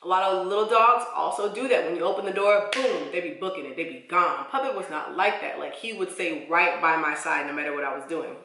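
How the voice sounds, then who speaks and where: A young woman with a bright, forceful voice talks straight to her viewers, telling a story from her life. Her speech is casual and slangy, full of "like"s. The recording has the bounce of an echoey room. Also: fairly low pitch, brisk, few pauses. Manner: expressive, slangy storytelling with many "like"s. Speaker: vlogger. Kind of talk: storytime vlog.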